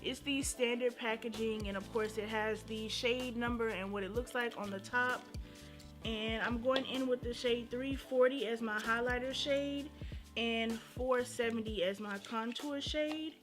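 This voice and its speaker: A young woman with a fairly high voice talks through a makeup review like she is chatting with friends. Her speech carries a slight lisp from a retainer she is wearing. She is playful, slangy and a little sassy, with music clearly playing behind her. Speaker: beauty vlogger. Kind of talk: casual chatty first-impression makeup review. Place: indoors at home.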